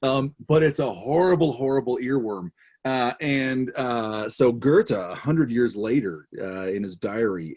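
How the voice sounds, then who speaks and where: A man's voice: lowish voice, darkish tone, slightly rough. A man speaking as a guest author in casual conversation, telling a history story with lots of restarts and fillers.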